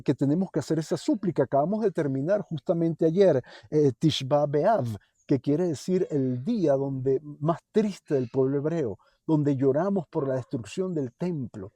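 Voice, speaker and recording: Fervent man preaching, warm voice. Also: fairly high pitch, no room sound. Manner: fervent, rising to pleading questions; hesitant fillers and restarts. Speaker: Bible teacher. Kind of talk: Torah portion sermon.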